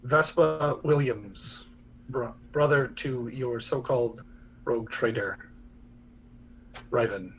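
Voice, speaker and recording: A man voicing a stern woman who insists on speaking to her brother, slow and deliberate, on a dull lo-fi recording with faint hum. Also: mid-range voice, lightly acted. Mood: formal.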